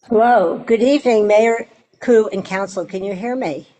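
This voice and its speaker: A woman's voice: mid-range voice, moderate pace, dark tone, low-quality recording. A woman delivering a prepared public comment speech to a council as a resident, earnestly making an appeal.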